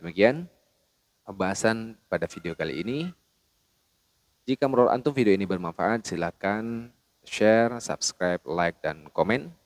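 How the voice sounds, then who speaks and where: A man teaching Quran recitation rules, explaining plainly and then chanting each verse slowly and melodically. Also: fairly low pitch, lively intonation, no echo. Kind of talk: tajwid lesson with chanted recitation.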